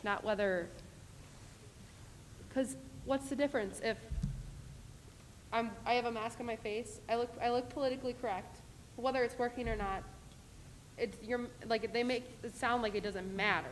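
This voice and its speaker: A woman's voice: a little high, fairly even intonation, normal speed, pauses often. A woman speaking informally as a board member in a meeting discussion. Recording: echoey hall with faint noise.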